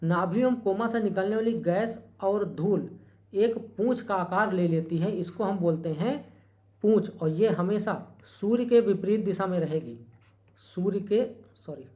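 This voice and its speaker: A teacher giving an exam-prep lecture who repeats key terms, asks rhetorical questions and corrects small slips with a quick apology. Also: medium pitch, dark tone.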